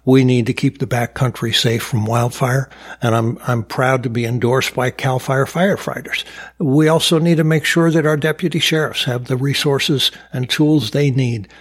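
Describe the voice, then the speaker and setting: A man's voice: mid-range voice, steady tone, normal speed, slightly rough. A man, a mayor running for county office, giving upbeat interview answers, proud and full of uh fillers. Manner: upbeat, boastful, frequent uh fillers. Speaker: mayor and county supervisor candidate.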